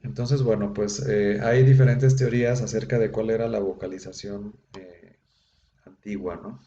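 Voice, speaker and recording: Low, mellow male teacher, roomy. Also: fairly even intonation, moderate pace. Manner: patient, explanatory, frequent "eh" and "este" fillers. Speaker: Bible institute Hebrew teacher. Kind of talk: classroom grammar lecture. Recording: roomy echo, dull lo-fi sound, faint noise.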